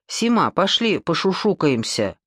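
A woman's voice: fairly low pitch, big pitch swings, unhurried, a bit bright, no room sound, clean studio sound, heavily acted. A woman voicing a proper, reproachful young woman in an audiobook. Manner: reproachful, tense.

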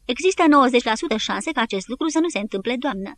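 Woman narrator doing a polite young officer, calm, patient, audiobook. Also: a little high, pitched above the performer's own voice. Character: polite young male army lieutenant.

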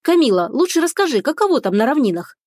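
A woman voicing a bold, fun-loving young woman who speaks briskly, in an audiobook. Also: sits high, sing-song, darkish tone, dry recording, clean studio sound, pitched above the performer's own voice. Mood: lively.

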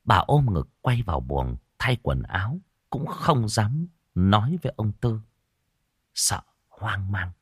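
A man narrating a spooky audio story in an expressive way, swinging between hushed and raised tones. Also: lowish voice, a little slow, slightly rough, dry recording, studio quality.

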